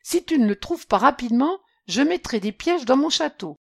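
A woman's voice: on the high side, animated, moderate pace, a little mellow, voice pushed up. Woman voicing a hungry, hot-tempered ogre. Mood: angry. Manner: demanding, threatening.

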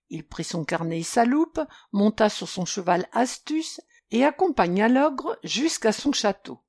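A woman reading a children's story aloud, expressive and measured. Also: medium pitch, vocal fry, slightly rough, no room sound, studio quality.

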